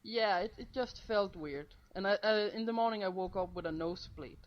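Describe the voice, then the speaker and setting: A woman's voice: medium pitch, normal speed, highs cut off. A woman co-hosting a casual podcast, teasing the others and giggling often. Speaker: webcomic creator, podcast co-host.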